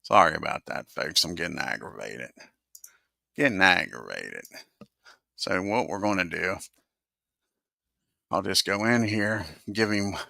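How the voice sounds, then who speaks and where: A man calling play-by-play for a simulated baseball game, talking himself through the game software and swearing under his breath when it fights him. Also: low voice, a little slow, creaky, no echo, studio quality. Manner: talks to himself while working the game software. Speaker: host of a baseball simulation channel.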